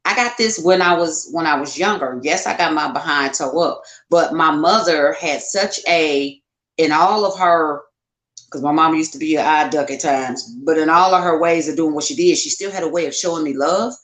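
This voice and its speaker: A woman's voice: deep voice, normal speed, a bit bright. A woman co-hosting a casual podcast, telling her own stories expressively and reacting with exclamations. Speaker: podcast co-host. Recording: roomy echo.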